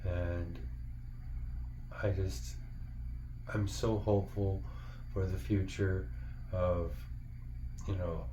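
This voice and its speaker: A man's voice: sits low, little pitch movement, extremely slow, long pauses. A man giving an earnest, encouraging, casual heartfelt monologue as a parent talking to other parents. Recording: dull lo-fi, faint background noise.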